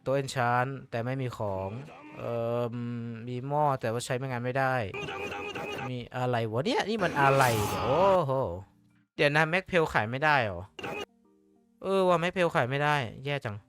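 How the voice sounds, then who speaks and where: A man giving casual commentary while he plays a game, excitable and swearing freely as he talks to himself. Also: mid-range voice, moderate pace, soft background music. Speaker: gamer.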